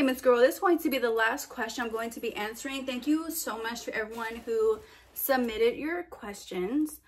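A young woman chatting casually in her apartment for a vlog, tired and sleepy, with lots of "like" and "girl". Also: a little high. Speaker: lifestyle vlogger.

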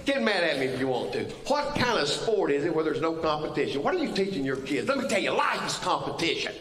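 A man's voice: a little high, very animated, brisk, a bit bright, recorded from a distance. A man preaching a sermon, telling folksy jokes to his congregation. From United States. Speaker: pastor. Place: church sanctuary. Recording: roomy church sound from off mic.

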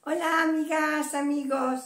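An older woman teaching a casual video lesson at home, patient, repeating words slowly and adding little tag questions. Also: high-pitched, steady tone, fairly bright tone, reverberant. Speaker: language teacher. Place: indoor room at home.

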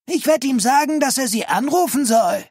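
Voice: sits high, expressive, moderate pace, a little mellow, husky, no room sound, studio quality, voice pushed up, heavily acted. Narrator voicing a snide old neighbor lady. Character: snide nosy old woman neighbor, pipe-smoking. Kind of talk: audiobook reading.

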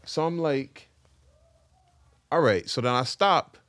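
A man's voice: fairly high pitch, expressive, slow, a bit bright, dry recording. A man in his thirties with a Brooklyn accent tells a story in a slangy, conversational podcast style. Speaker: podcast speaker telling a personal story. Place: small indoor podcast studio. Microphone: close podcast mic on boom arm.

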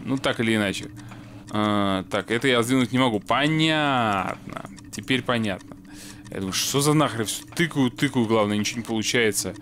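A man's voice: lowish voice, a little fast, fairly bright tone, slight background noise. A man playing a puzzle game with a friend, chatting casually and muttering mild curses as he works things out. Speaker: let's play gamer. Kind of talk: casual co-op gameplay chat.

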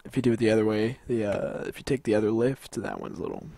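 A man's voice: lowish voice, quick pace, creaky, dark tone, dry recording. A man giving casual let's-play commentary, chatty and reactive, laughing easily. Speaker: gamer.

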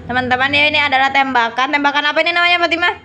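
A young woman, hosting a children's toy-play video in an animated, chatty way. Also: high-pitched, racing, slight background noise. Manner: animated, calls to viewers. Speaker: kids' toy channel host. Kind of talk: playful toy-play vlog chat.

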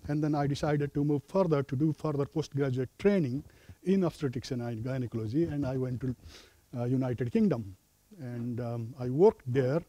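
A middle-aged Nepali professor of obstetrics gives an academic lecture in a room with a projector. He speaks in a measured, hesitant way with fillers, his medium-pitched voice mellow. There's no room sound.

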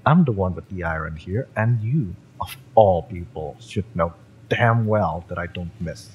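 A man takes on the role of a fiery, cocky mercenary, exasperated and menacing yet familiar, in a scripted romance audio roleplay. Stern and threatening, his animated, low, darkish voice swings expressively through slow, deliberate, sardonic taunts, with dull audio and noticeable ambient noise.

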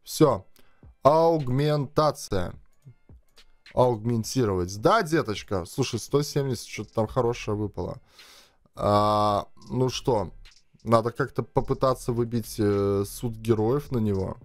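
Speaking unhurriedly at medium pitch, a young streamer plays a mobile game from a small room, wearing a headset and framed by a webcam. He chats casually and reasons aloud to his audience; the close, dry recording has no echo and faint background music.

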